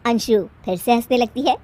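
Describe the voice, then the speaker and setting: A woman's voice: fairly high pitch, heavy background noise. A woman narrating a cartoon moral story in a plain storybook manner.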